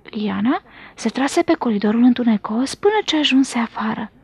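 A woman narrating a children's story expressively, sometimes dropping to a hush. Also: a little high, lively intonation, slightly rough, no echo.

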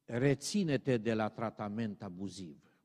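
A man's voice: on the low side, a little mellow. Preaching man in an echoing hall. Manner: emphatic, rising to stern exhortation. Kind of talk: sermon. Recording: long reverb of a large hall.

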